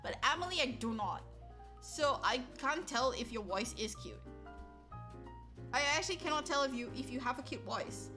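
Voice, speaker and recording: A woman reading her livestream chat talks casually to viewers in a high-pitched, expressive voice at normal speed. Her talk rambles, packed with likes and ums, and she often jokes at her own expense. Soft music plays behind her.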